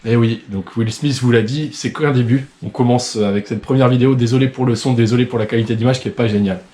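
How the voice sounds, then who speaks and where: Fast-talking man hosting a vlog. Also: mid-range voice, fairly even intonation, warm tone. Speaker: video host. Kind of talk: casual vlog commentary.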